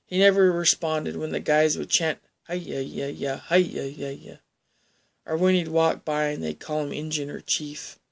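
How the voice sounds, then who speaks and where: A woman telling a personal story in a halting, rambling way, often restarting her sentences. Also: sits low, level tone, creaky.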